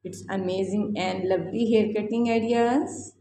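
Mellow woman in an echoey room. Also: medium pitch, steady tone, moderate pace. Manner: effusive, repetitive. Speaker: YouTube host. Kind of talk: casual scripted-style video voice-over with repeated phrases. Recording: roomy echo, faint background noise.

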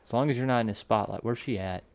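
A man co-hosting a let's play, excitably directing his friend's gameplay and laughing often. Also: fairly low pitch, fast talker. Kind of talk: casual gaming commentary.

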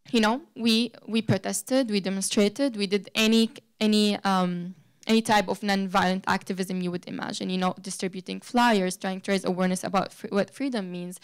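Earnest young woman, smooth voice. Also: mid-range voice. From Syria. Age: young adult. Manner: earnest, with frequent restarts and fillers. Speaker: guest speaker. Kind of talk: personal account at a public talk. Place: lecture room with a seated audience. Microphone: handheld microphone.

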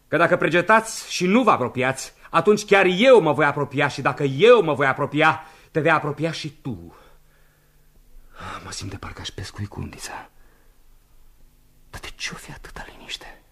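Breathy, husky young soldier, uneasy, whispery then calling out, radio play. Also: male voice, deep voice, full character voice. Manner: wavering between hushed musing and sudden exclamation. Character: young man back from war, dreamy and anxious. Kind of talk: radio drama acting.

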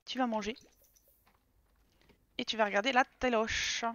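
A woman's voice: on the high side, fairly even intonation, unhurried, fairly bright tone, dry recording. A woman giving casual, swear-filled commentary while playing a life-sim game live, talking to her characters. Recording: dull lo-fi stream audio.

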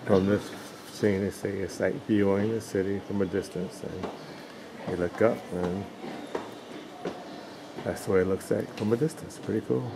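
A man's voice: sits low, fairly even intonation, normal speed, vocal fry. A man filming inside a cave, giving laid-back, casual commentary to his camera. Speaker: tourist filming his own video. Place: inside a show cave, behind a handheld camera. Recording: noisy cave ambience.

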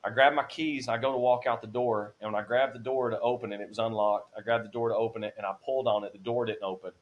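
A man's voice: mid-range voice, fairly even intonation, quick pace, phone-quality sound. Man in his 40s telling his faith story on a podcast, earnest, voice goes up when it gets emotional. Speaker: podcast guest. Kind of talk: emotional testimony.

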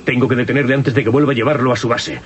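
A man's voice: medium pitch, steady tone, racing, lo-fi sound, noisy background, natural voice. Man as a cocky young robot cheetah hero. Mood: brash, urgent. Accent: Castilian Spanish. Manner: wisecracking, brash, slangy. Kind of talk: cartoon dubbing.

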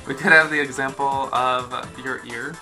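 A man's voice: medium pitch, steady tone, unhurried, pushed and bright, poor audio. A young man co-hosting a video in a casual, playful back-and-forth debate. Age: young adult. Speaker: video co-host. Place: small living room, indoors on a sofa. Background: music.

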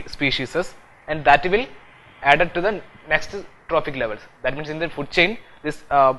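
A young Indian man teaches a civil services exam-prep class in a studio classroom with a whiteboard screen, his mid-range, slightly bright voice captured on poor audio. The video lecture has him repeating key points and leaning often on "okay" and "so."

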